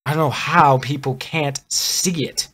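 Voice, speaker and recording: A man's voice: a little high, fairly even intonation, a little slow, fairly bright tone. A man on a live stream, ranting about politics in a heated, sarcastic way. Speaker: livestreamer.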